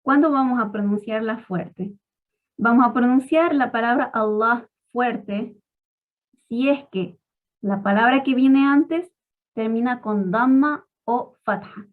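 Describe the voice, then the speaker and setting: Patient tajweed teacher lady, kinda high voice, thin phone-line sound. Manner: patient, explains step by step, models pronunciation slowly. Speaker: Quran recitation teacher. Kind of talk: online tajweed lesson. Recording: tinny phone-like audio.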